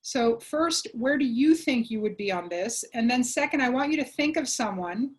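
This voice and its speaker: A woman giving an online workshop presentation, explaining clearly and checking in with her listeners with a frequent "okay?". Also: on the high side, animated, normal speed. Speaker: webinar presenter.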